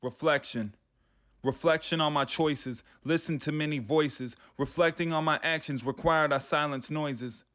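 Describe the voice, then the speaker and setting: A man's voice: fairly high pitch, unhurried, a bit bright. A man in his thirties delivering a rhythmic, rhyming spoken word poem. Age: 30s. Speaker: youth and family engagement manager.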